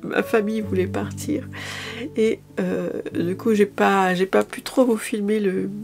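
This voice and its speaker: A woman's voice: medium pitch, fairly even intonation, unhurried, vocal fry, music in the background. A woman chatting casually through a shopping haul video, a little tired, hesitant, with many fillers and restarts. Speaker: lifestyle vlogger.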